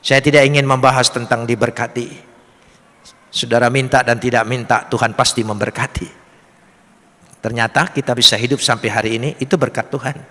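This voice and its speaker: A man preaching a sermon, swelling to emphatic peaks and dropping to quiet, earnest stretches. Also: mid-range voice, fairly even intonation, brisk. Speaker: pastor. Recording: long hall reverb.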